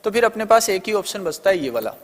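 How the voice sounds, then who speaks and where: An Indian man leads an exam-prep lesson, talking through each answer choice and answering his own questions as he goes. His voice sits high for a man. The sound carries a long, reverberant room tail. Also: very animated, quick pace. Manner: explains step by step, often asking and answering his own questions. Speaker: teacher.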